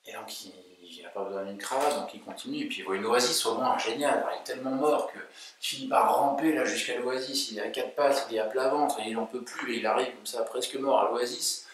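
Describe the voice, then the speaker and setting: A man coaching memory techniques, telling jokes in an animated, self-mocking way. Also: mid-range voice, fairly quick, slight background noise. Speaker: memory coach, video host. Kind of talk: memory lesson with told jokes. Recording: very echoey room, mic far off.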